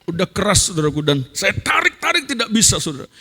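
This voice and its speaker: A man's voice: high voice, big pitch swings, fast, bright, forceful tone. A man giving a sermon testimony in a church, telling an emotional story and often calling out to the congregation. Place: large church hall. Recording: echoey church hall.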